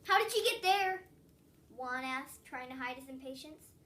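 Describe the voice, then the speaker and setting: Sounding somewhat far from the mic, a young child around eight years old reads a story with a bright, high voice. The pace is moderate, and the delivery is lively, with some words emphasized and drawn out.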